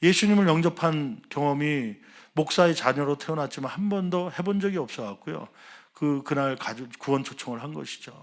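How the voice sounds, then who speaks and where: A middle-aged man, a senior pastor, preaching a Sunday sermon, telling a personal story and acting out the quoted dialogue, swinging between loud and hushed. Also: fairly high pitch, expressive, brisk.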